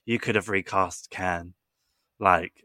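A man's voice: low-pitched, fairly even intonation, slow, bright, forceful tone, no room sound. A young man, co-hosting a podcast and gushing in casual, filler-heavy chat. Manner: gushing, chatty, lots of fillers. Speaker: podcast co-host.

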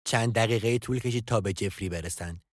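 A man narrating a scripted audio drama in a calm storytelling delivery. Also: on the low side, no room sound. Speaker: narrator and writer of a podcast drama. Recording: dry studio voice with soft music.

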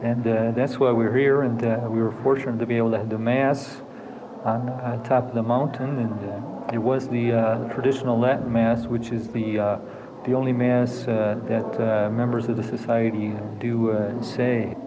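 A man who is a priest gives a halting, hesitant interview answer. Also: mid-range voice, flat delivery. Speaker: priest leading pilgrimage. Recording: dull, noisy location recording.

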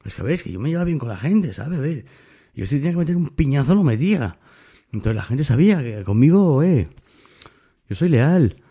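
Casting: man, dark husky voice, emphatic casual storyteller. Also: mid-range voice, big pitch swings, quick pace. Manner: emphatic, addresses the listener directly.

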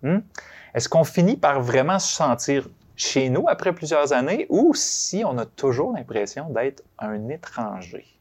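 A male host with a Quebec French accent leads a relaxed community conversation. He talks in a friendly way, asking open questions at a mid pitch. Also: a little slow. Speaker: radio host. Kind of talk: hosting a community talk show.

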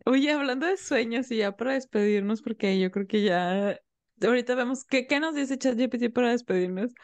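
A woman's voice: on the high side, darkish tone, dry recording. Chatty young woman. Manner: chatty, quick reactions. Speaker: podcast co-host. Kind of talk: casual chat.

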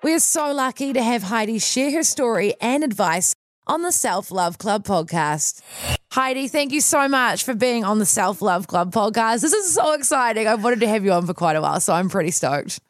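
A woman's voice: on the high side, animated, normal speed, dry recording, clean studio sound, faint music behind. A young woman hosting a podcast interview, bubbly and encouraging in a casual way. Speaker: podcast host.

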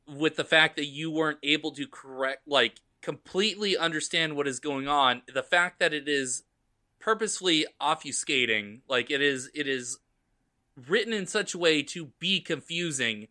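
Bright, sharp-voiced male podcast co-host. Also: a little high. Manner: quick agreeing remarks, blunt. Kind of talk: casual podcast discussion.

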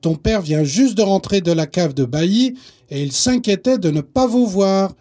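A man putting on a stern grandfather who scolds the children, in a children's story. The voice rides a little high and is warm with a husky edge. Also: animated, moderate pace. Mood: scolding. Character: grandfather, strict about mealtimes. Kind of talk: storybook narration.

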